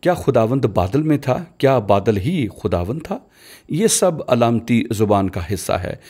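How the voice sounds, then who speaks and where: A man voicing a dubbed sermon, giving a measured, explanatory teaching delivery. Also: mid-range voice, sing-song, warm tone, slightly rough. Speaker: preacher voice-over.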